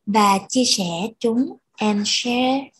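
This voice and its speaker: Woman teacher, slow and patient, breathy voice, repeats words to drill pronunciation. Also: fairly high pitch, low-quality recording. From Vietnam. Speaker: English teacher. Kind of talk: bilingual language lesson.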